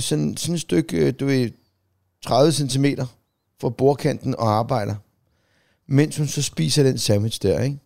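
A man's voice: medium pitch, vocal fry, dark tone, no room sound, studio quality. A middle-aged man co-hosting a podcast, telling anecdotes in casual chat and laughing easily, checking in with "right?". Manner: laughing storyteller, repeats "ikke?". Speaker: podcast co-host.

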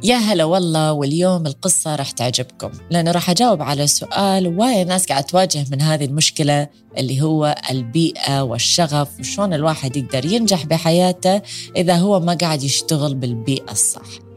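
A woman's voice: sits low, quick pace, faint music behind. A woman hosting a motivational podcast, chatty and putting direct questions to listeners. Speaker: podcast host. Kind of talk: motivational storytelling.

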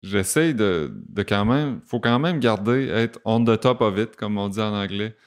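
Speaking at a measured pace in a lowish voice with clean sound, a Québécois-accented vegan chef chats on a podcast as a guest. He's animated, performing the comments people send him.

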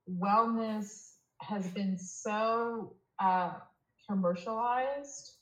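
A woman's voice: mid-range voice, roomy sound, highs cut off. A woman from Toronto talking earnestly as a podcast guest, emphatic and repeating her points. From Toronto, Canada. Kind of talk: casual interview talk.

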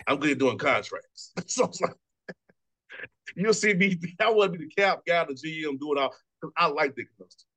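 A man in his thirties, a sports radio host, talking fast and casually, repeating words and laughing often. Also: on the high side, animated, pushed and bright. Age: 30s. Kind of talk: casual sports talk interview.

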